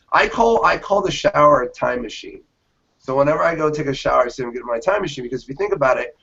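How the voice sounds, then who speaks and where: A man in his late thirties with a gravelly, husky voice, talking casually as a guest on a dull, lo-fi interview recording. He tells stories with animation and acts out quoted reactions. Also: mid-range voice, a bit bright. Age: 30s. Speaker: magician guest.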